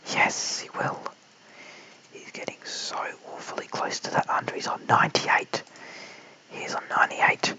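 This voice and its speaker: A man's voice: a little slow, pushed and bright, low-quality recording. A man with an Australian accent whispering eager live cricket commentary late at night at home, calling each delivery.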